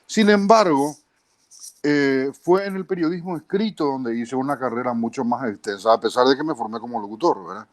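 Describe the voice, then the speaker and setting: Paraguayan man in his fifties, mid-pitched radio voice, trained diction, measured interview guest. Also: dry recording. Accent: Paraguayan Spanish. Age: 50s. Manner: measured, tags lines with a questioning aside. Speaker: guest, broadcaster and journalist. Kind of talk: interview storytelling.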